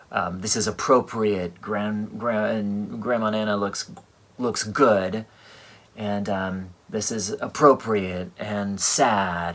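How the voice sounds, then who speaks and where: A composer telling a personal story in a rambling, halting way, full of fillers. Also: male voice, on the low side, a bit bright. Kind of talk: casual storytelling monologue. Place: home livestream at a piano.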